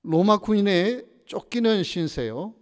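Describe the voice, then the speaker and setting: A man's voice: sits high, measured pace. Male pastor preaching in a reverberant church. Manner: lively storytelling with rhetorical questions. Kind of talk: sermon. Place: church sanctuary.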